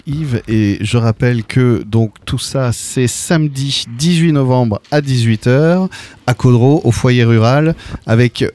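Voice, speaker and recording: A man's voice: medium pitch, mellow, no room sound. A man hosting an interview in a conversational style, prompting his guest and presenting practical event information. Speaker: interviewer, host.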